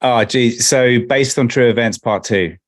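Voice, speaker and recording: A man's voice: medium pitch, unhurried, dry recording. A man co-hosting a music podcast, rambling and reading lyrics aloud. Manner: rambling, restarts, reads out lyrics. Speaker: podcast co-host. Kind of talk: casual chat.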